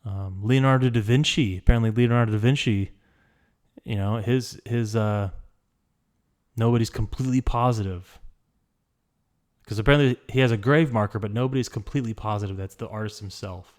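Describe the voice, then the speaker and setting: A man's voice: lowish voice, brisk, darkish tone. A man hosting a casual solo podcast from a small room, rambling with stammered restarts and fillers. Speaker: podcast host. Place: small hot room indoors.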